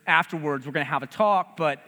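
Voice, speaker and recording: A male pastor giving a sermon, conversational and humorous, telling the story with animated, lively delivery. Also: fairly high pitch, a little fast, in a large hall.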